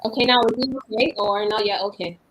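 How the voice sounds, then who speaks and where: A woman speaks over a video call, her voice muffled as if heard through a wall. She keeps her replies short and cooperative during a sound check. A faint hiss of noise sits behind her, and her pitch is moderate. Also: quick pace. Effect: muffled audio, as if through a wall. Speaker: guest speaker.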